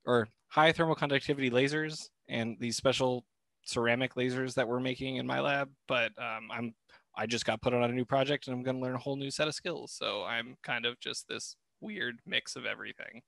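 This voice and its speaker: Relaxed young man on a video call. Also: medium pitch, a little fast, vocal fry, no echo. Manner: relaxed, with fillers and restarts. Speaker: graduate liaison. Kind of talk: casual club meeting introduction.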